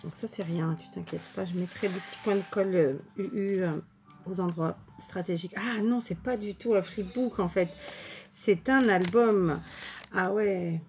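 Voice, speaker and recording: The crafting YouTuber talks at normal speed in a mid-range voice, with slight background noise. She casually shows viewers her mail and purchases while unpacking, chatty and warm, thanking people and using lots of fillers and restarts.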